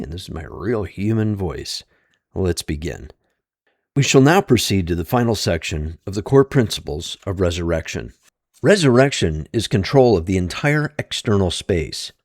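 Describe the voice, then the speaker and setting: A text-to-speech male voice that claims to be human, reading an audiobook in a measured, even way. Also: lowish voice, no echo, clean studio sound. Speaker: audiobook narrator.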